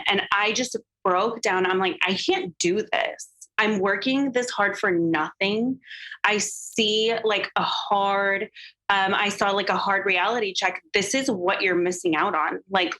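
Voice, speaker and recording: A woman appears as a podcast guest discussing her photography business, telling an emotional personal story with openness and lots of "like" and "um" fillers. Her voice is medium-pitched, pushed and bright, and the recording is rough.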